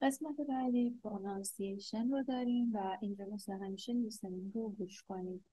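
A woman teaching English grammar, saying each English example slowly and deliberately before explaining it. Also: mid-range voice, steady tone, warm tone, husky, no room sound. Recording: dull lo-fi sound.

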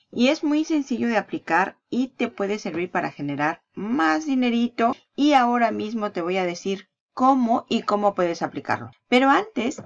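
Upbeat woman with a gravelly, lo-fi voice. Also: on the low side. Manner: upbeat, chatty, explains step by step. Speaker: online marketing channel host. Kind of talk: screen-recorded tutorial.

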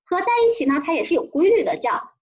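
A woman's voice: very high voice, expressive, darkish tone, lo-fi sound. A woman teaching a children's pinyin lesson, drawing out tones in a sing-song way and prompting the class to repeat after her. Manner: sing-song, drawn-out tone demonstrations. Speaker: primary school teacher.

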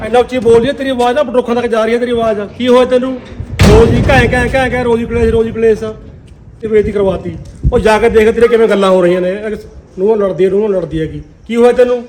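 A man's voice: very high-pitched, fairly even intonation, background noise. A man with a Punjabi accent playing a family man who lectures his mother in a comedy skit. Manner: lecturing, quick-talking. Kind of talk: rural comedy skit acting.

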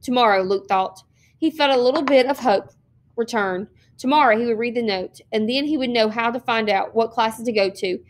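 A woman teacher reading a novel aloud, with steady, expressive narration and small slips. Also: a little high. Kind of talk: read-aloud storytelling.

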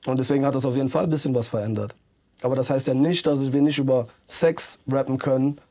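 A man in his thirties talks earnestly in a music studio interview, rambling through fillers and restarts. His voice is mellow and dark, and he speaks into a handheld mic held out to him. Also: medium pitch, fairly even intonation, quick pace. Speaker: rapper, interview guest. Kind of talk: casual interview talk.

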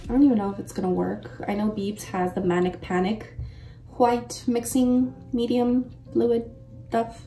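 A woman with a slightly high, warm voice delivers her words flatly at a measured pace. In her mid twenties, she's a makeup vlogger chatting casually, with slang and many exclamations, as she does a tutorial in a bedroom-like room at home; the audio has roomy echo, a distant mic, and faint music.

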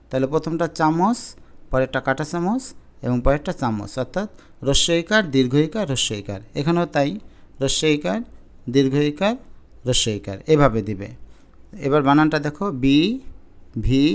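A man teaching a spelling lesson to exam students, explaining slowly and repeating each spelling step. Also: on the high side, clean tone.

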